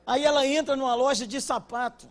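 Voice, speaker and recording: A man with a Brazilian Portuguese accent preaching at a conference, joking with the congregation and asking them to respond, then dropping into quiet, earnest teaching. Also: very high voice, steady tone, a little fast. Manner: swings from loud jokes to quiet earnest teaching. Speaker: pastor. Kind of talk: conference sermon.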